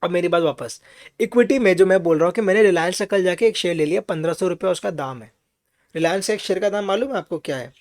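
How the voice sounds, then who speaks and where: Male finance tutor, high voice, patient lecturer, poses questions and checks in with students. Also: fast talker, a little mellow. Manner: mixes English phrases into his talk. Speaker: finance teacher. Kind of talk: online class lecture.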